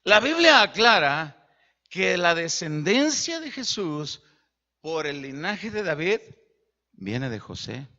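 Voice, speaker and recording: A man preaching a sermon as pastor, animated and acting out dialogue. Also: fairly high pitch, slow pace. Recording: dull lo-fi.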